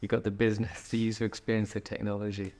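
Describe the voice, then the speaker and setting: A man with a low-pitched voice talks casually as a podcast guest, thinking aloud. His delivery is relaxed and joking, and he keeps checking in with "right?". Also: fast. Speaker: podcast guest, product executive. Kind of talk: casual conversational interview. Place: indoor room, in person with host.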